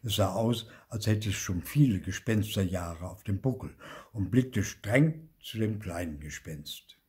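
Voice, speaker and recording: An older man reading a children's book aloud in German, telling the story slowly and with animation. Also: on the low side, husky. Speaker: storybook reader.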